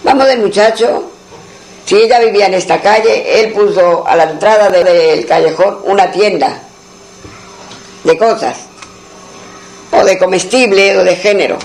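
A man's voice: high-pitched, unhurried, pauses often, poor audio. A man telling a traditional folk tale in a rambling way, full of asides and restarts. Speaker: storyteller.

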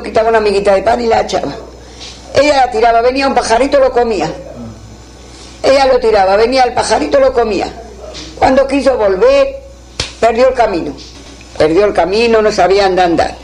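A woman's voice: fairly high pitch, darkish tone, slight background noise, low-quality recording. A woman telling an old folktale aloud, repeating phrases in a rhythmic, spoken way. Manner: repetitive, rhythmic retelling with quoted dialogue. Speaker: storyteller.

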